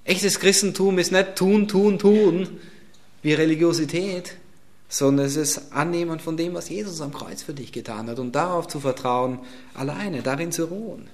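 A man preaching a sermon in a fairly high voice. He drives each point home with repeated phrases, then drops to a hush before rising to loud emphatic lines again. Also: normal speed. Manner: swings from emphatic loud lines to hushed near-whispers.

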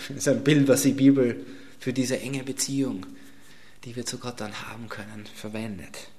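A German-speaking man preaching a sermon. He repeats phrases for emphasis and swings from loud declarations to hushed near-whispers. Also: mid-range voice, steady tone, normal speed, slight background noise.

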